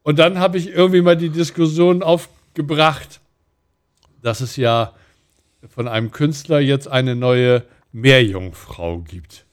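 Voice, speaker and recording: A man's voice: mid-range voice, slow pace. A middle-aged man co-hosts a casual talk show. He speaks in an easygoing way and steers the conversation from one topic to the next. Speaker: podcast co-host. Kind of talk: casual chat.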